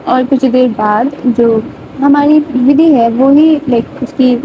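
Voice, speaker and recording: A young woman retelling a love story in a loose, chatty way, full of casual fillers. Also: high voice. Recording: dull lo-fi audio with faint noise.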